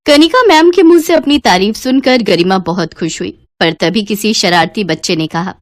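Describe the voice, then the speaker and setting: A woman narrating a scripted cartoon story in an expressive storytelling manner. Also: mid-range voice, moderate pace, no room sound.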